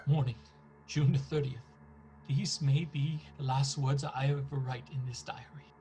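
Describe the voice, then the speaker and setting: An actor playing a fearful, desperate young English gentleman in a radio play, with a dramatic delivery. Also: mid-range voice, level tone, a little slow, very noisy, natural voice. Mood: dread. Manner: dramatic, fearful diary narration. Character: anxious, desperate young English solicitor imprisoned in castle.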